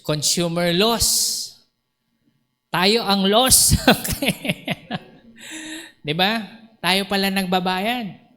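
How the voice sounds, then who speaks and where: A pastor with a high-pitched voice preaches to his congregation and acts out both sides of the conversations he retells. His voice rings through a church hall with long reverb. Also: drawn-out words, long pauses, pushed and bright. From Philippines. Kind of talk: Taglish sermon with storytelling. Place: church sanctuary.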